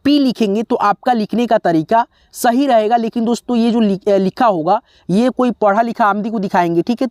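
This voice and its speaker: Man slowly spelling out words for learners. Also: high-pitched, a little mellow, dry recording, clean studio sound. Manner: spells out letters slowly, often says "theek hai"; addresses viewers as friends. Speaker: English teacher. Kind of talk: step-by-step spelling lesson.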